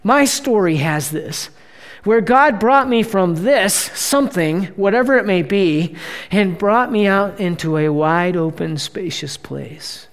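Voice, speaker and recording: Conversational preacher with hushed, slowed asides. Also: mid-range voice, lively intonation. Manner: conversational preaching, frequent "right?" check-ins; swings between emphatic bursts and hushed, slowed phrases. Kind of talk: sermon.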